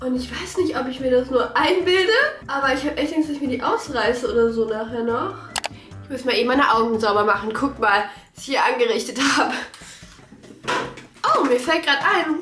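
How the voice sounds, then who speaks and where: A woman's voice: on the high side, fairly bright tone, reverberant. A young woman chats casually to viewers in informal, slang-sprinkled speech, her articulation slightly affected by braces. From Germany. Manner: chatty, informal with English slang. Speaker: vlogger.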